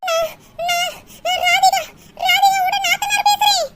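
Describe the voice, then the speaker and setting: A woman voicing an anxious young cartoon woman who talks in a flustered, hurried way. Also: very high voice, steady tone. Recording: loud constant noise with clicks.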